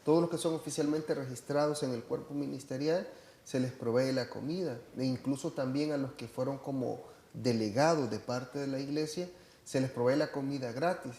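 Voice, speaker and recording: A church member from El Salvador chats casually about a trip his church took, speaking at a moderate pace in a mid-range, dark-toned voice. His delivery is hesitant and riddled with fillers and restarts, and the room is echoey.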